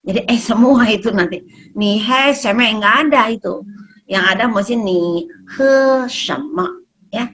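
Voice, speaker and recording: A woman teaches pronunciation in a patient, explanatory way. She slows down to sound out each syllable, then repeats it so learners can follow. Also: medium pitch, fairly bright tone. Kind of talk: pronunciation lesson.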